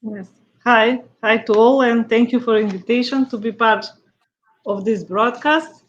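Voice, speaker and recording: A woman from North Macedonia speaks earnestly over a video call on a webinar panel. Her voice is fairly high. The call audio is dull and lo-fi. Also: unhurried, slight background noise. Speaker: panelist, psychiatrist. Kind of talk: online panel introduction.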